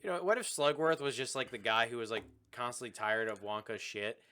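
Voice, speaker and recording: A man's voice: medium pitch, fairly quick, sharp tone. A man co-hosting a podcast, casually riffing on a film with jokey put-on voices. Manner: jokey, riffs on scenes with put-on character voices. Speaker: podcast co-host. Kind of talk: casual movie recap chat.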